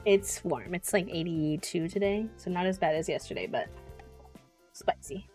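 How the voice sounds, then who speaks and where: A woman's voice: on the low side, very animated, normal speed, darkish tone. A woman livestreamer chatting casually while she plays a game. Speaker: streamer hosting a charity gaming livestream. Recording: music behind the voice. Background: music.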